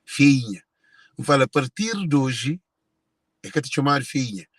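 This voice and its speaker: A man's voice: medium pitch, lively intonation, moderate pace, fairly bright tone, husky, no echo. A Cape Verdean man speaking in an emotional monologue to viewers, repeating and circling back to his phrases. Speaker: speaker sharing personal family story.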